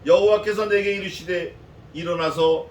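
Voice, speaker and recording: A man's voice: high-pitched, fairly even intonation, moderate pace. A male pastor preaching an expository sermon in a church, asking his congregation rhetorical questions in a conversational way. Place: church sanctuary. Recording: echoey hall from a distance, faint noise.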